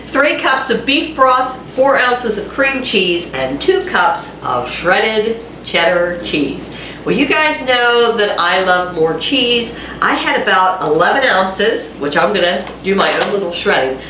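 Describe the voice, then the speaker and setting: A woman hosting a cooking channel has a cold, so her mid-range voice sounds congested, stuffy and nasal. She chats slowly in a sing-song way, tossing self-mocking asides to viewers during a casual home cooking demo. The mic sits back in an echoey kitchen with a faint hiss, a loudly sizzling pan and a running dishwasher.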